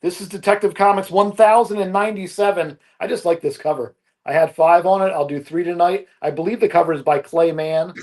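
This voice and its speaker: High-pitched man pitching comics. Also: a little mellow. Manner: upbeat, brisk salesman patter. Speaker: comic book seller on a live auction. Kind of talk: live sales pitch.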